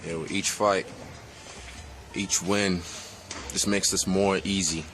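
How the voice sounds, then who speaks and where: A man speaking in an informal, measured, casual way. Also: deep voice, flat delivery, a bit bright. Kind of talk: casual chat, unhurried. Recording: faint noise and ambience behind.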